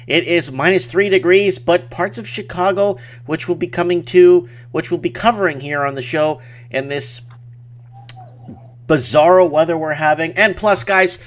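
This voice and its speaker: A man's voice: high-pitched, normal speed. A man hosting a casual late-night live stream, speaking emphatically and repeating words for effect. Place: small home office at night.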